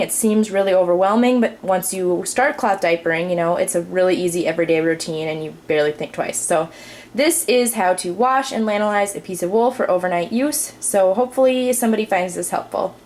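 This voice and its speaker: A young mother chats casually at her kitchen sink, explaining cloth diaper care as she works in an unscripted how-to with plenty of fillers. Her voice is medium-pitched and darkish, and the poor audio carries a little hiss or hum.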